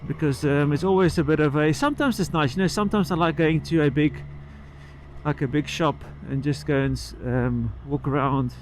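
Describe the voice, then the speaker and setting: A man talking casually and haltingly from inside his helmet while riding a motorcycle, rambling like a vlogger and picking his thread back up. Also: on the high side. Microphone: microphone inside the helmet. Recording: inside-helmet sound with road and engine noise.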